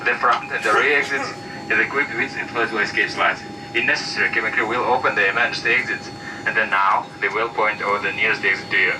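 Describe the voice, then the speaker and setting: Man's cabin loudspeaker announcement, fast. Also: steady tone. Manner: formal, recited delivery. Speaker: flight attendant. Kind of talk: reading safety announcements. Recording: distant cabin speaker with engine rumble.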